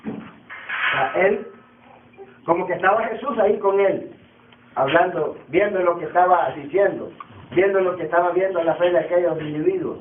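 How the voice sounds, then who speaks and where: A man's voice: high-pitched, normal speed, pauses often, slight background noise. A man teaching a Bible class, repeating key terms and firing questions at his students. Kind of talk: classroom lecture. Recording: tinny, echoey distant classroom recording.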